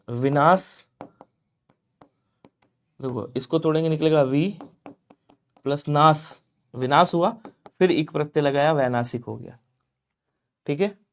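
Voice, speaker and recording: A man with a fairly high voice teaches an exam-prep Hindi lesson. He chants example sentences and answers for his students in an animated way, checking in with quick tag questions as he goes. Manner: talks to viewers directly with tag questions.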